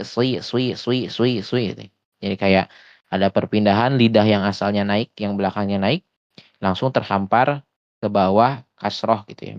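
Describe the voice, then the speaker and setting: A man gives an online Quran recitation lesson in a low, smooth, resonant voice. He explains patiently, pausing on small hesitations and slowing down to demonstrate sounds. The audio is dry and a little dull, like lo-fi voice chat. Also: dry recording. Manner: often slows to demonstrate sounds. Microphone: voice chat headset or desktop mic.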